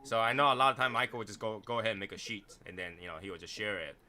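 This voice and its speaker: A thirty-something man from Boston, United States, rambles repetitively while hosting a casual live stream in his small foam-padded home studio. His lowish voice races along, bright and forceful.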